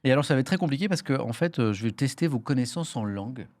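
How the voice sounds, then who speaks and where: A man's voice: medium pitch, expressive, fast, darkish tone, no room sound. A man hosting a live studio talk show, playfully teasing his guests and running a little quiz. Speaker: host.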